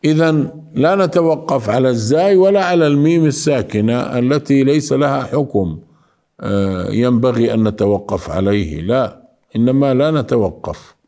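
A man teaching Quran recitation rules, explaining slowly and calling his listeners beloved ones. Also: medium pitch, animated, mellow. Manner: explains slowly, then chants verses in a drawn-out melody. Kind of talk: recitation lesson with chanted examples.

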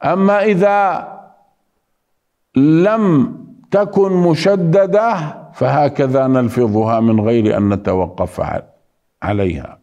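Patient, slow-spoken male recitation teacher. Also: medium pitch, mellow, highs cut off. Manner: patient, repeats single sounds slowly to drill them. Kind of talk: tajweed lesson with recited examples.

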